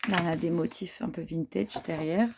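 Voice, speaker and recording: Showing craft papers to her viewers, a French woman keeps up a casual show-and-tell chat peppered with fillers and admiring comments. She speaks at a normal speed in a lowish, darkish voice with vocal fry, over a little hiss or hum.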